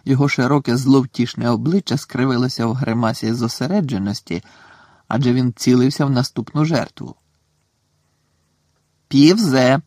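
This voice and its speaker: A man's voice: medium pitch, a little fast, darkish tone, no echo. Man narrating a storybook. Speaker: audiobook narrator.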